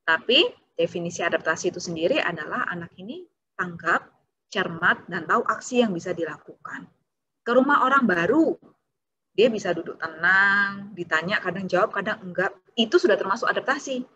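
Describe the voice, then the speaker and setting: A woman's voice: mid-range voice, animated, fairly quick, pushed and bright, breathy edge, dull audio. A woman child psychologist giving a parenting seminar talk, explaining step by step and now and then acting out what a child or parent might say.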